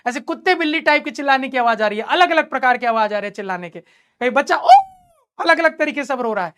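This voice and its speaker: A male math teacher telling a story during a lesson, lively and teasing, laughing often. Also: very high-pitched, clear, resonant tone.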